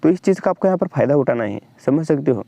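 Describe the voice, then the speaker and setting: A young Indian man with an Indian accent, rapidly walking through a trading chart tutorial and pointing things out again and again. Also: on the high side, animated, creaky, mellow, no echo. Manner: fast, repetitive explainer, keeps pointing at the chart. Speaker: trading channel host. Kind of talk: screen-share trading tutorial.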